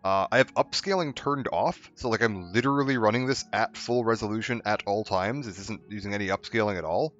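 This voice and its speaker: Rambling streamer man, low dull voice. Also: a little fast, hardly any pauses, a bit bright. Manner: rambling, chatty, frequent fillers and restarts. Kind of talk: casual let's-play commentary.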